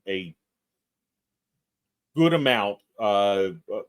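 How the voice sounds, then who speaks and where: A man with a lowish voice chatting on a podcast as a guest actor and filmmaker. He is fidgety and self-deprecating and laughs a lot between thoughts. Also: fairly bright tone. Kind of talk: casual podcast conversation.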